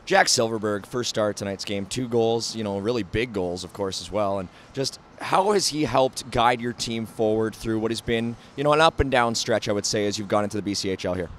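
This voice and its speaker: Low-voiced arena interviewer. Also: male voice, fairly quick, hardly any pauses, a little hiss or hum. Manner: long, wordy questions. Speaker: team broadcast interviewer. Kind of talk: postgame interview questions. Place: indoor ice arena. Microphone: handheld mic.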